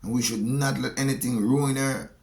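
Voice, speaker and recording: A man with a Jamaican accent delivering a slow, preachy monologue. He stresses his points and often repeats phrases. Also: mid-range voice, fairly even intonation, creaky, darkish tone, roomy sound. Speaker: speaker giving a monologue.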